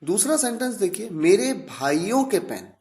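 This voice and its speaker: A man giving a recorded grammar lecture, explaining patiently, repeating examples and drawing out sample phrases slowly. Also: sits high, sing-song, a little mellow. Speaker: English grammar teacher.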